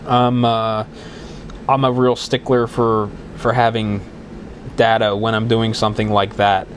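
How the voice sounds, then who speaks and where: Fighting a head cold, a man hosts his solo podcast in a loose, meandering way, repeatedly restarting and using fillers. His voice is on the low side with little pitch movement, a little slow, congested and somewhat worn, with slight background noise.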